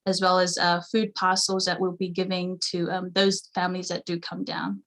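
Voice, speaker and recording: A woman's voice: lowish voice, monotone, moderate pace, fairly bright tone. Friendly Fijian-born nurse woman, hesitant. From Fiji. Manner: friendly, hesitant with many ums and uhs. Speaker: registered nurse guest. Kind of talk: interview answers.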